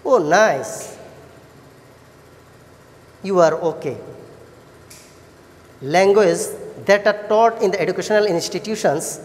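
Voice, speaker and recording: A woman with a Bangladeshi accent teaching an English lesson to children, encouraging and praising like a kids show host, with deliberate sing-song questions. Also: fairly low pitch, darkish tone. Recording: echoey hall-like reverb.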